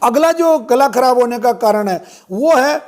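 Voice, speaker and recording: A man giving an informal Ayurvedic health talk, explaining step by step with frequent pauses and fillers. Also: very high voice, animated, darkish tone. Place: ashram.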